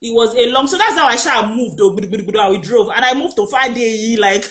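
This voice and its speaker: A woman with a Nigerian accent, a guest telling her personal story in an interview, animated and emphatic, acting out the voices of the people she quotes. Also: fairly high pitch, fast talker, echoey room. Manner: animated, emphatic retelling that acts out quoted speech.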